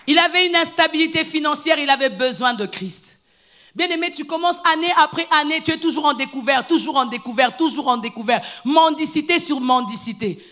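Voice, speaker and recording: A woman preacher giving a fervent sermon in church, moving between low, hushed stretches and loud, repeated calls to her congregation. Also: a little fast. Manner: fervent, repetitive, shouting exhortations.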